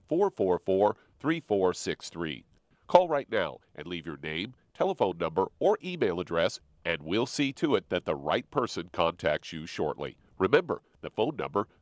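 A man speaking as a smooth radio host and announcer, reading a scripted spot in a measured way. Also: low-pitched, no room sound. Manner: smooth, measured, slow on repeated numbers.

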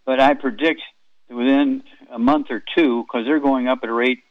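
A man's voice: medium pitch, fairly even intonation, moderate pace, dry recording, phone-quality sound. A man in his eighties hosting a radio health talk, rambling and folksy with chatty asides. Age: 80s.

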